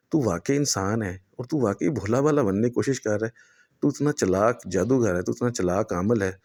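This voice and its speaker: A man's voice: medium pitch, a little mellow, voice pushed up, close to an everyday voice. A man voicing a powerful male jinn, stern and threatening as he speaks. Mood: mocking. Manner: threatening, scornful.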